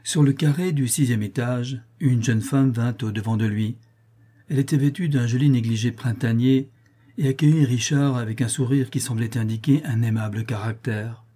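A man reading a classic story aloud in an even, measured way. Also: medium pitch, breathy edge. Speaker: narrator.

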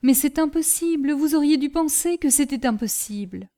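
A woman's voice: high-pitched, expressive, moderate pace, dark tone, voice pushed up. A woman voicing an anguished young lieutenant. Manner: pleading, tearful, agitated.

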